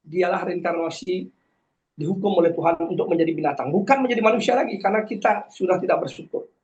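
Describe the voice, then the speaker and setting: Man, 40s, fairly high voice, earnest guest testimony, preachy with hesitations, dull lo-fi recording. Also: fast talker, a little mellow. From Karangasem, Bali. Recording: dull lo-fi sound.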